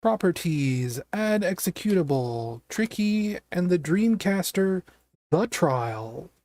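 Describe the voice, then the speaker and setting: A streamer with a naturally scratchy voice giving casual gameplay commentary, chatty and quick to react aloud. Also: medium pitch, big pitch swings, darkish tone, no echo.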